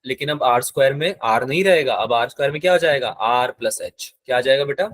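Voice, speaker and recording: A man's voice: mid-range voice, animated, fast, a bit bright, no echo. A male physics teacher giving a live lecture in Hindi mixed with terms, often asking the class check questions. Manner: mixes English terms into Hindi.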